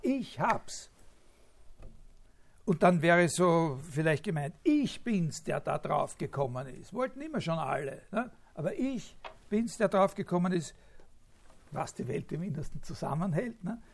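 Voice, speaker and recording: A man's voice: a little high, lively intonation, normal speed, gravelly. A man giving a spontaneous academic lecture, thinking aloud with many filler sounds, restarts and tag questions.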